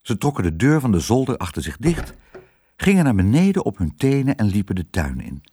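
A man reads a children's storybook aloud, his pitch swinging widely as he tells the story. His voice is husky and breathy, recorded close and dry with no room sound. The reading stays expressive from line to line. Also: brisk, dry recording. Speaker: narrator.

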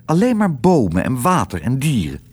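A man voicing a caring, determined young girl in a storybook reading, with a high, urgent voice. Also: wildly swooping pitch, moderate pace, darkish tone, husky.

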